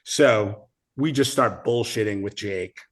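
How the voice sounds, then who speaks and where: A man who is a guest musician tells an animated story, excited and profane, often laughing as he talks. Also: lowish voice, slow pace.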